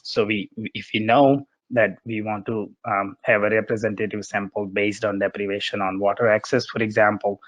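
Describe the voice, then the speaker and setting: A man with a bad cold and a muffled, congested voice, giving a halting, explanatory research presentation on a webinar. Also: lowish voice, steady tone, a bit bright, no room sound.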